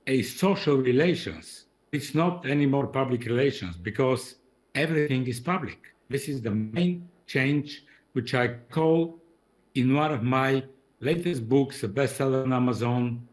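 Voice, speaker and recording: A man's voice: medium pitch, a little mellow. An older man from Bulgaria delivers a keynote by video call. He talks emphatically and drives his main points home by repeating them. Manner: emphatic, repeats key phrases. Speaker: keynote speaker.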